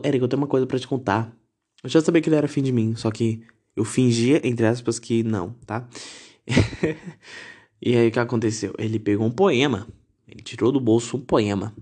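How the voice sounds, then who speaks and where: A man's voice: medium pitch, warm tone. Teen guy vlogging, chatty and dramatic, pokes fun at himself. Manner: chatty, dramatic, self-mocking. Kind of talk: casual storytelling to camera.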